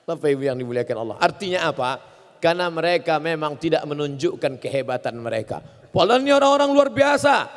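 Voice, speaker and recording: A man preaching a humorous sermon, telling stories and acting out voices and sounds. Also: high-pitched. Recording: reverberant hall.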